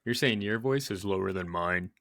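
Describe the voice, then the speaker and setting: A man's voice: lowish voice, moderate pace, a bit bright, dry recording. Laid-back young man, dry close sound. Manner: laid-back, hesitant with fillers. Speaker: podcast co-host. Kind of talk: casual banter.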